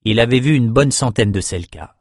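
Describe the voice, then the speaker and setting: A man narrating an audiobook in a steady, measured storytelling voice, close to the mic. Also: mid-range voice, dry recording.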